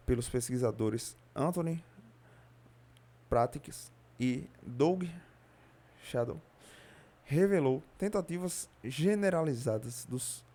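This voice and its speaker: A man with a Brazilian Portuguese accent reading a nonfiction audiobook aloud in a steady way, now and then slipping on a word and correcting himself. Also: mid-range voice. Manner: steady reading with occasional slips and self-corrections. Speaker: audiobook reader.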